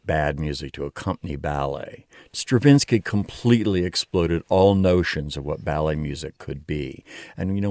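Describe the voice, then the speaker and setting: A low, slightly mellow male voice, recorded with studio quality and no echo, belongs to a ballet artistic director and choreographer speaking as an interview guest. He reflects on his work and explains things with emphatic wording.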